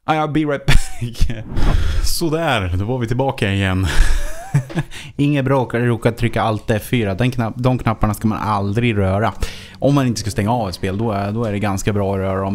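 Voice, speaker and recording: A man's voice: fairly low pitch, darkish tone, slight background noise. A man giving casual let's play commentary as a gaming YouTuber, chatting to himself with frequent swearing and chuckles.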